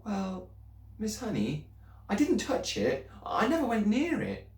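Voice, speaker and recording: A man reading aloud and voicing a small, bright, earnest girl who asks eager, pleading questions. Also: sits high, huge pitch swings, unhurried, pitched above the performer's own voice, heavily acted. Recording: roomy, distant mic.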